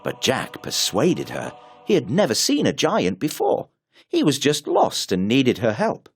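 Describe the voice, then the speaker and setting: Unhurried man reading a fairy tale. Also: medium pitch, huge pitch swings, slightly rough. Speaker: storyteller. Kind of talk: storybook narration.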